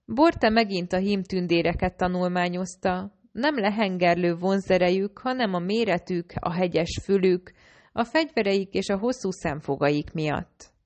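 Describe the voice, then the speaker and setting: A woman with a fairly low voice reads an audiobook aloud. She keeps an even storytelling delivery and only lightly shades the characters' lines. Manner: reads all characters in a lightly varied own voice. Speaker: audiobook narrator. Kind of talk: audiobook narration.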